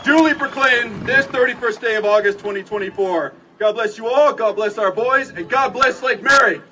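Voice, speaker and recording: Speaking as a commissioner from an outdoor stage, a man reads a formal ceremonial civic proclamation with emphatic public-address delivery. His voice is extremely high-pitched at a moderate pace. The PA sound is distant, with a loud crowd and background noise.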